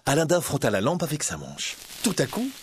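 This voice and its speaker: Guy reading a storybook out loud, lively animated voice, faint room noise. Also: medium pitch, moderate pace. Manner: animated, expressive narration.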